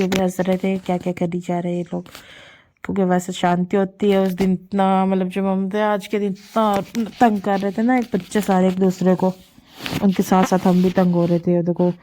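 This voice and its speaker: A woman's voice: fairly low pitch, level tone, moderate pace, mellow, slight background noise. A woman vlogger and mother chatting doting, rambling voice-over narration about her children's antics. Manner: chatty, doting, repeats herself as she narrates family clips. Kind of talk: casual vlog voice-over narration.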